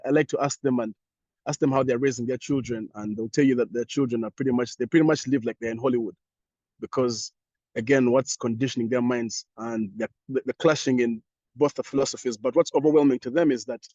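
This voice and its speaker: Taking part in an online panel, a young man from Uganda gives considered answers in Ugandan-accented English, full of pauses and fresh starts. The voice sits mid-range, dark and slightly breathy, captured lo-fi with no room sound.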